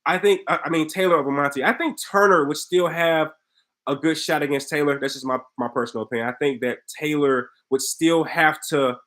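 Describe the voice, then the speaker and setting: Chatty man with a higher voice. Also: brisk, a bit bright, low-quality recording. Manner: chatty, frank, reads comments aloud and answers. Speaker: podcast host reading viewer comments. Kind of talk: casual live-stream chat.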